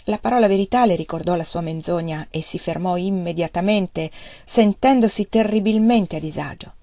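A woman reading a classic novel aloud as audiobook narration, calm and unhurried, on a close mic. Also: lowish voice, no echo. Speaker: audiobook reader.

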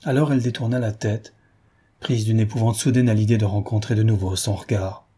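Brief: male audiobook narrator, measured; dark, husky, lowish voice. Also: fairly even intonation. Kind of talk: scripted narration of a classic novel.

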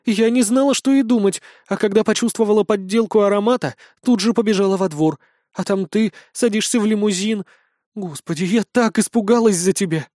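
A hot-tempered young woman wielding godlike power, all sharp and heated edges, as a man reads her aloud. The voice sits high and the sound is close and dry. It has the feel of a storybook read aloud. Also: a little fast, no echo, close to an everyday voice. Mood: frightened.

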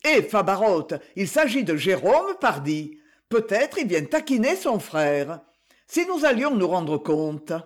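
A nosy male neighbor who cannot keep quiet and chatters on, as a male reader voices him. His high, lively voice carries a touch of extra loudness. A storybook figure. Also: measured pace, exaggerated voice. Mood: eager.

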